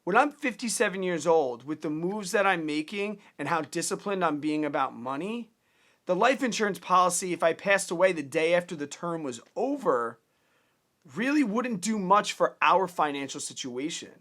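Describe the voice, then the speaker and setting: He's in his thirties, with a high, fairly bright voice, lively intonation and an ordinary speed. Addressing the camera head-on, he gives earnest, relaxed money advice in plain language, restarting sentences and repeating words along the way.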